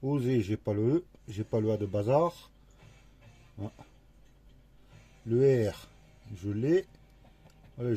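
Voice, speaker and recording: A man talks slowly through his scratch card, reading out letters and words as he goes. His voice is very dark and mellow, with a husky edge. He sounds like he is mostly talking to himself. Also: lowish voice. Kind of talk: casual commentary while scratching tickets.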